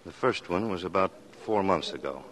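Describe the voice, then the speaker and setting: An actor playing a tired police detective in a 1940s radio drama, laying out the facts in a plain, matter-of-fact way. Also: male voice, low-pitched, lively intonation, normal speed, fairly bright tone, poor audio. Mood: weary.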